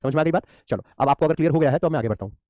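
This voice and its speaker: Fast-talking male teacher. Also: a little high, a little mellow, dry recording, studio quality. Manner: addresses students as beta, asks and answers his own questions. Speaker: English teacher. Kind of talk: online grammar class.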